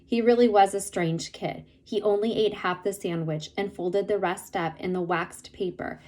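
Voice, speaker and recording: A woman reading a novel chapter aloud in steady storytelling narration. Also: mid-range voice, normal speed, rough recording. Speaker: reader.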